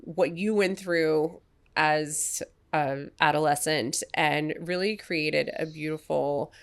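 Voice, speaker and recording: Lower-voiced supportive woman podcast host. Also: steady tone, takes it slowly. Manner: supportive, reflective, lots of affirming backchannels. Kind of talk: casual conversational interview.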